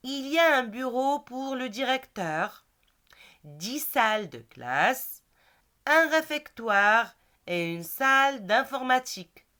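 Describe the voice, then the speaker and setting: A woman's voice: high voice, very animated, slow, bright, forceful tone, pitched above the performer's own voice, exaggerated voice. A woman reading as a proud schoolboy. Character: cheerful schoolboy describing his school. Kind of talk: reading a textbook dialogue aloud.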